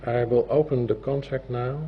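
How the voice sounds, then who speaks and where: A man with a Dutch accent gives a formal presentation as a notary, speaking in a deliberate, halting way. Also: medium pitch, fairly even intonation. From Netherlands. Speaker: civil law notary giving a presentation. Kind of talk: formal presentation, partly read from a script. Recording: dull, muffled audio with loud background noise.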